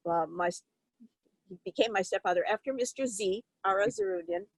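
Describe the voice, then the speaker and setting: A woman's voice: medium pitch, animated, a little fast, vocal fry, no echo, low-quality recording. An older woman from Turkey, a violinist, telling her life story in an interview in a reflective way, with frequent fillers and restarts. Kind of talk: conversational interview.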